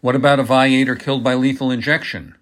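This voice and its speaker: A man reading the part of a calm, hard enforcer who speaks in a dry, level, quietly menacing way. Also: medium pitch, fast, lightly acted. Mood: probing.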